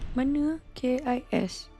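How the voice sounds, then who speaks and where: A woman with a Malaysian accent chatting casually and informally on a livestream. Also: sits high. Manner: informal, chatty, uses local particles. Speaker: live game streamer. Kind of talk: casual livestream chat, mixing Malay and English. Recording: music behind the voice. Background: music.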